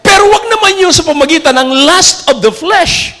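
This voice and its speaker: A Filipino man preaching a sermon in a church, mixing English and Tagalog, joking and shouting key lines for emphasis. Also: extremely high pitch, animated, moderate pace, long reverb tail. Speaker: pastor.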